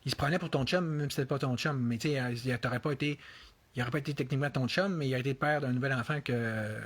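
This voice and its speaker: Husky Quebec man hosting an interview. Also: mid-range voice, very fast. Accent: Quebec French. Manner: rambling, many restarts and fillers. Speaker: interview host. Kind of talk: casual interview.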